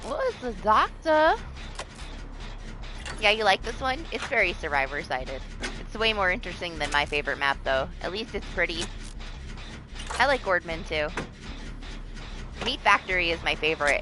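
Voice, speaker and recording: A woman's voice: sits low, moderate pace. A young woman live streaming a game, chatting casually, laughing often and swearing freely. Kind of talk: casual gameplay commentary. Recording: background noise.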